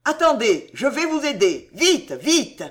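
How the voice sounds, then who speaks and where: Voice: mid-range voice, big pitch swings, measured pace, a bit bright. A reader voicing a frantic, raging older male sorcerer who shrieks and curses in desperation. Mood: fevered.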